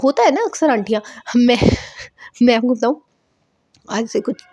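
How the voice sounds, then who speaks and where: A woman's voice: on the high side, lively intonation, moderate pace, dark tone, breathy edge, no echo, dull audio. Woman with chatting advice at the camera, repeats herself a lot, close dry mic. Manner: chatty, repeats herself, mixes in English words. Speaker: vlogger giving advice. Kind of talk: casual advice talk to camera.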